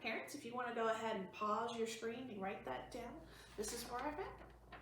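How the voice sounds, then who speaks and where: A woman hosting library storytime reads aloud to young listeners and explains things simply, her voice a little high and her pace a little fast. A distant mic picks her up in a strongly echoing room with faint noise.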